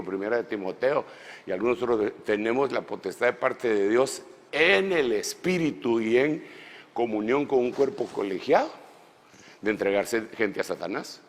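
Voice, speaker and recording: A man preaching a sermon at a church conference in an animated way, swinging from shouts to low asides and calling his listeners brother. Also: slight background noise. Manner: folksy, addresses listeners as brother. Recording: long hall reverb in a church.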